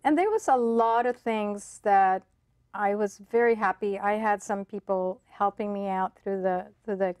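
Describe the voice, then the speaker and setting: A woman's voice: medium pitch, a little slow, darkish tone, no echo, studio quality. A woman from the Philippines in casual conversation, telling her stories reflectively with many fillers. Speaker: guest.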